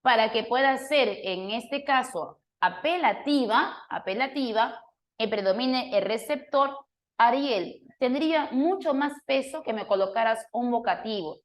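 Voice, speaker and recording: A woman's voice: a little high, unhurried. A woman teacher who walks a class through a review lesson, explaining points and putting questions to students by name. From Peru. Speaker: language teacher.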